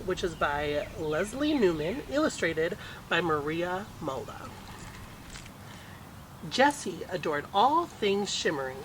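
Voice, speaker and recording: A storytime reader with a mid-pitched voice narrates a picture book expressively, swinging theatrically through an animated delivery. The recording is low quality, with clearly audible noise.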